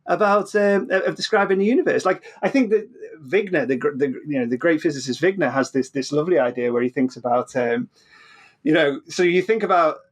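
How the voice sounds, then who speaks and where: A physicist and author appears as a podcast guest, explaining ideas informally in a British accent. His voice is fairly high-pitched and a little fast, and he often repeats words and restarts sentences.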